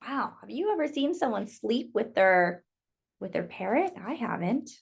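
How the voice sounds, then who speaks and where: Reading a picture book aloud to young children, a woman tells the story expressively, turning to her listeners with exclamations and asides about the pictures. Her voice is fairly high, very animated, gravelly and husky, and she reads at normal speed.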